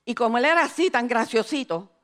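Animated older woman preacher. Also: a little high, brisk. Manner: animated, emphatic storytelling. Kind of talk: sermon testimony.

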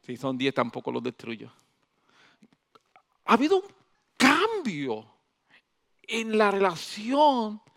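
Animated male preacher, pretty high voice, goes loud then soft. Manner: animated, swinging between loud emphasis and soft asides. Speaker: pastor. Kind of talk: sermon.

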